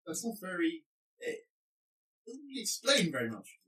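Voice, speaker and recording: A man's voice: sits high, huge pitch swings, moderate pace, pushed and bright, distant mic, low-quality recording. A man playing a tabletop game, speaking in a dry, matter-of-fact way. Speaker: player. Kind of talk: tabletop role-play.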